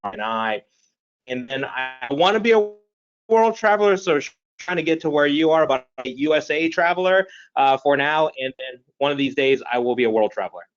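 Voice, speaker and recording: Halting man on a muffled video call. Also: a little high, clear, resonant tone. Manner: halting, many fillers and restarts. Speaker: panelist, diversity executive. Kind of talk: webinar panel introduction.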